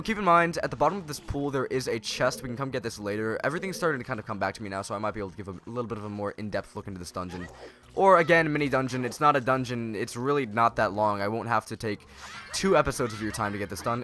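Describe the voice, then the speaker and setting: Talking quickly with lively intonation, his slightly bright, mid-range voice is nasal from an oncoming cold. The young let's play host keeps up loose, sarcastic gameplay commentary, wandering and fixing his own words.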